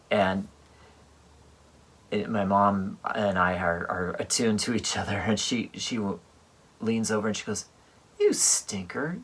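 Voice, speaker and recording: A composer telling a personal story in a rambling, halting way, full of fillers. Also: male voice, on the low side, vocal fry, a bit bright, breathy edge. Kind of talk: casual storytelling monologue. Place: home livestream at a piano.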